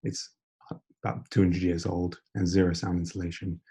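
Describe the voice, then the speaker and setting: A young man giving an informal online lecture, speaking in a hushed near-whisper as quietly as possible, breathy as if losing his voice. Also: low-pitched, monotone, normal speed. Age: young adult. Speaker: debating lecturer.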